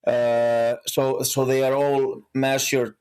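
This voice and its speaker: A middle-aged man from Iceland, a horse breeder and coach, talking as an interview guest in a halting way with many restarts. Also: medium pitch, flat delivery, darkish tone, smooth, dry recording. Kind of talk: casual interview talk.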